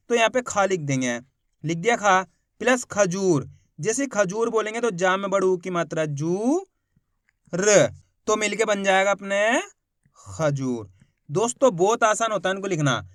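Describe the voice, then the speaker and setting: High-voiced man spelling out syllables. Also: fairly bright tone, dry recording, studio quality. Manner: slow, syllable-by-syllable spelling out of words; addresses viewers directly as friends, encouraging. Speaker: Hindi reading teacher. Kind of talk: online reading lesson.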